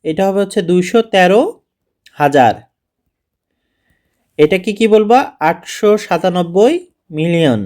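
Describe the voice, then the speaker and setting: A man teaching a math lesson to schoolchildren in a relaxed, conversational way. He keeps posing questions and answering them himself, stopping often to check that his students are following. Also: high voice, a little slow, long pauses. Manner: casual, repeats "ঠিক আছে?" to check understanding. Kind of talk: explaining a class six math lesson.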